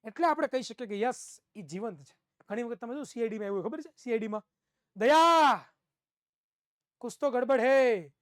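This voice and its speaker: A man's voice: extremely high pitch, lively intonation, fast talker, no room sound, clean studio sound. A male science teacher, giving an online class in a playful way, repeating phrases and acting out students' replies.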